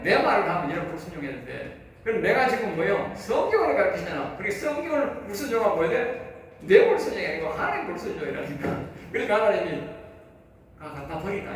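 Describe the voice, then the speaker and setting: A man with a Gyeongsang Korean accent, a pastor giving a sermon lecture, talking to his listeners in a conversational way and firing rhetorical questions at them. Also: high-pitched. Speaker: pastor teaching at a seminary. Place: church lecture hall. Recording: echoey hall, mic far off, faint noise.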